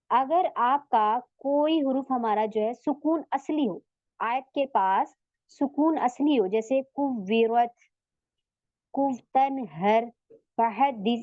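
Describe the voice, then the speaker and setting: A woman teaching a tajweed lesson online, patiently explaining step by step, asking her students questions and drawing out Arabic words slowly to show them. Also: high voice, no room sound, lo-fi sound. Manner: says Arabic letters and words slowly and drawn out for demonstration. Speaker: Quran recitation teacher.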